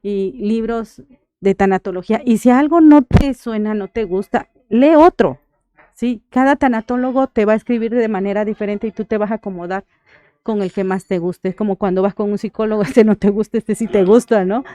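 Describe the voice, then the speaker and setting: A Mexican thanatologist, a guest on a radio interview, gives earnest advice and keeps checking in with her listener through frequent "right?" Her voice is medium-pitched and brisk with a mellow quality, captured in a dry recording.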